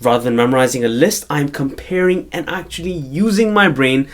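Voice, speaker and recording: A man's voice: a little high, fairly quick. A young man, a doctor, explaining study techniques to camera in an earnest, explanatory way that leans on key points. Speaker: study-skills YouTuber and doctor. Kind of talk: educational video talk to camera.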